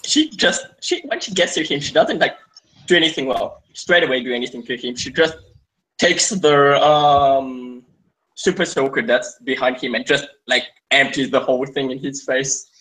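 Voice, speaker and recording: A man's voice: medium pitch, moderate pace, bright, forceful tone, poor audio. A man playing a tabletop game, describing his character's actions hesitantly with many fillers. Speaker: player.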